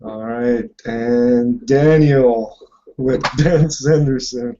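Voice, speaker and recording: Slow-talking French-accented man. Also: mid-range voice, highs cut off, a little hiss or hum. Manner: relaxed, laughs often, hesitant fillers. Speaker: game master. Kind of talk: hosting a live tabletop game.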